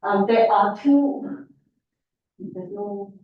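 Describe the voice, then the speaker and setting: A woman giving an informal technical lecture through a face mask, halting as she explains. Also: medium pitch, dull audio. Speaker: academic lecturer, researcher. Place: indoor lecture room. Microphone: distant room microphone. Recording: very echoey, distant, faint room noise.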